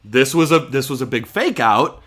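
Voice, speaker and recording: A man's voice: medium pitch, lively intonation, moderate pace, fairly bright tone. A man co-hosting a podcast, chatting casually and a bit rambly about a movie trailer. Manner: rambling, restarts and fillers, playful. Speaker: podcast co-host.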